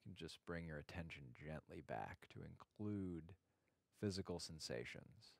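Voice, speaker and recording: Speaking conversationally, a man with a very low, heavily fried voice leads a meditation, gentle and reflective, with halting phrases and long pauses. His intonation is lively, and the recording is dry with almost no room sound.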